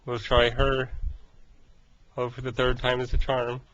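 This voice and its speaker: Breathless man, slow and flat, in halting phrases. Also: medium pitch. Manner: halting, speaking in short broken phrases. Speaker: vlogger. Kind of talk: casual personal video diary update. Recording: dull, lo-fi sound.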